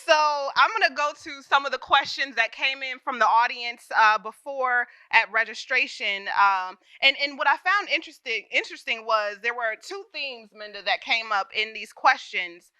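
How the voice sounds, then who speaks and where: A woman's voice: on the high side, moderate pace, hardly any pauses, pushed and bright, smooth, no room sound. A woman moderating a panel conversation, effusive and exclamatory. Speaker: host and moderator.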